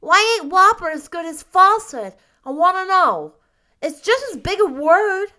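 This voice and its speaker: An impish little boy played by a woman reading a storybook, pitched high and very bright. He is frank and earnest, blurting out his thoughts in childish, ungrammatical phrases. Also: animated, moderate pace, full character voice. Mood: curious, frank. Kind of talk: storybook character voice.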